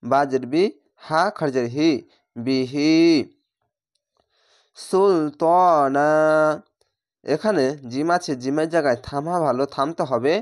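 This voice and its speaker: A man with a Bangladeshi Bengali accent teaches Quran reading in a slightly high voice. He stretches each word out slowly, then explains the rule in plain speech. The sound is close and dry, with no room echo. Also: darkish tone. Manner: slow drawn-out recitation of words between explanations. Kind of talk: spelled-out Quran reading lesson.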